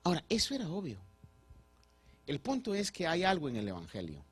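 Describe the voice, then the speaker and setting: A man preaching a sermon as pastor, swinging between loud and soft and putting rhetorical questions to the congregation. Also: on the high side, wildly swooping pitch, fairly quick, breathy edge.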